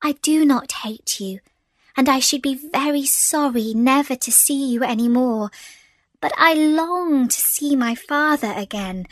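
A woman reading a storybook aloud, voicing a kind young heroine who speaks softly and earnestly. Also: high voice, unhurried, dry recording. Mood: earnest, gentle. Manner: soft, earnest and reassuring.

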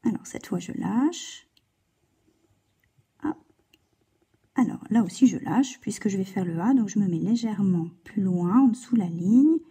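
A woman's voice: mid-range voice, lively intonation, mellow, husky. A woman teaching a handwriting lesson to a child, guiding patiently step by step. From France. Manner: slow, patient step-by-step guidance, addressing a child.

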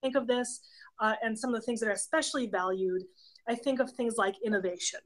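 A Hungarian professor of pastoral theology in her thirties joins a casual interview as a guest on a video call from her home office, using a webcam mic. Speaking with a Hungarian accent in a voice on the high side and at a brisk pace, she gives thoughtful explanations filled with examples.

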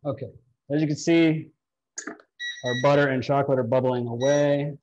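Speaking at medium pitch and a moderate pace, with a steady, darkish tone, a man in his thirties leads a live cooking demo in a large indoor home-style kitchen, walking viewers through the steps. A distant camera records dull lo-fi livestream audio with a little hiss or hum.

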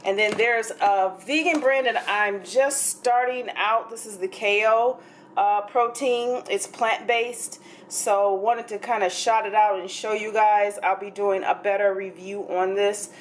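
A young woman chats to a close camera in her home kitchen, rambling loosely and dropping plenty of ums and likes. Her voice sits at a middling pitch. The kitchen gives the sound a noticeable echo. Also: fairly even intonation, measured pace, slight background noise. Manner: chatty, rambling, with many fillers. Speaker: fitness vlogger. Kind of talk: casual vlog chat. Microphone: camera held close.

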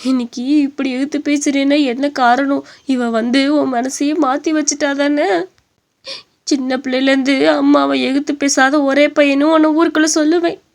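A woman's voice: high-pitched, fairly even intonation, moderate pace, hardly any pauses, a little mellow, natural voice. Woman doing a weepy scolding mother-in-law. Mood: wailing, accusing. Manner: accusing, sobbing while she speaks. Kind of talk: animated story dub.

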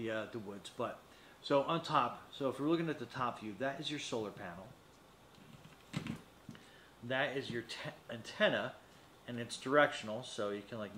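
Sitting at a desk in a compact metal-walled studio, a man in his fifties reviews a product in a loose, off-the-cuff demonstration. His mid-pitched voice is a bit bright, and he wanders a little as he thinks out loud. Echo and faint background noise fill the recording.

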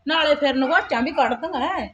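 A woman acting as a put-upon village laborer, high voice, plaintive, grumbling to herself, amateur skit. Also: brisk, a bit bright, lo-fi sound, a little hiss or hum. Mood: weary. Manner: plaintive, complaining, sighs to God. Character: poor young village woman, a day laborer and mother, weary and put-upon. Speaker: actor in a home-made skit.

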